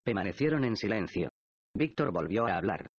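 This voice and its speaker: A man's voice: on the low side, very animated, moderate pace, slightly rough, no room sound. Man narrating a novel, dull recording. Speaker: audiobook narrator. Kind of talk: scripted narration. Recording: dull, dry lo-fi audiobook recording.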